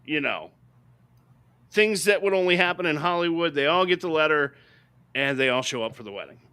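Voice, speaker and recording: Bright, animated man ranting about films. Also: fairly high pitch, fairly quick, clear, resonant tone. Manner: emphatic, ranting, seeks agreement with "right?". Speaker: podcast co-host. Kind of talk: opinionated movie review chat.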